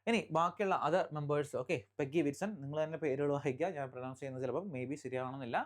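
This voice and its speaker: A teacher from Kerala giving an exam-prep current affairs lecture. The teacher repeats key facts, checks in with listeners often, and reads English headlines slowly before explaining them. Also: mid-range voice, fairly even intonation.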